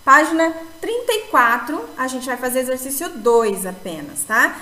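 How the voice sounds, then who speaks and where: A woman's voice: high-pitched, big pitch swings, pushed and bright. Brazilian woman teaching English, echoey room. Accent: Brazilian Portuguese. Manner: explains slowly, repeats points, ends phrases with "tá?". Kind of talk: recorded video lesson.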